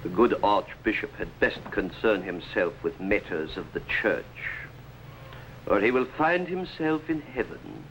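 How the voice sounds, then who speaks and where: A scheming medieval king in an old TV costume drama. His voice sits low and his speech is grand and imperious. A faint noise runs under the recording. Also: animated, a little slow, a bit bright. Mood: haughty, menacing. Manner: imperious, formal royal speech. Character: haughty, scheming tyrant King of England, easily angered. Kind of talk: 1950s television costume drama acting. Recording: faintly noisy old TV soundtrack.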